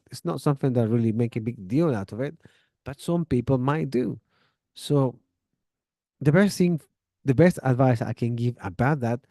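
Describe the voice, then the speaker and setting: Male English teacher, casual and chatty, warm mellow tone, mid pitch. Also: no room sound, studio quality. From Chile. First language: Spanish. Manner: chatty, relaxed, gives friendly advice with acted-out example dialogues. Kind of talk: casual spoken lesson.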